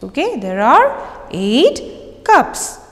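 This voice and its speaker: A young woman teaches small children in a broad singsong manner, repeating words deliberately, as a nursery teacher. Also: high voice, wildly swooping pitch. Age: young adult. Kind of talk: children's counting lesson. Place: indoor classroom-like room with decorated wall. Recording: echoey room, long reverb.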